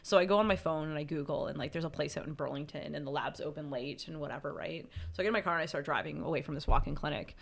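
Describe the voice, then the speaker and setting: A woman's voice: sits low, very fast, creaky, hardly any pauses. A young woman co-hosting a podcast, telling a personal story in casual, profane chat and acting out the people in it. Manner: animated, profane, acts out voices in her stories. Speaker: podcast co-host.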